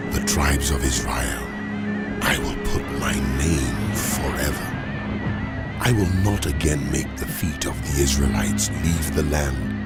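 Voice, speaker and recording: An actor voicing a solemn, commanding God in a dramatized scripture reading, speaking with weight and authority. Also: male voice, extremely low pitch, heavily acted. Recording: loud music behind the voice. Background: loud music.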